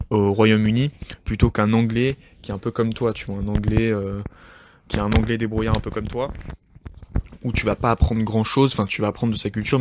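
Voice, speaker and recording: A man giving an informal spoken lesson, talking directly to the listener with many hesitations and repeated words. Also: on the low side. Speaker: English teacher, podcast host. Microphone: podcast microphone.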